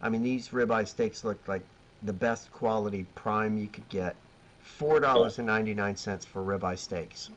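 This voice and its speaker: On a dull, lo-fi video call with faint background noise, a guest who works as a BBQ caterer chats casually. His voice is fairly low and moderately paced as he rambles through grilling and catering anecdotes and laughs at his own expense.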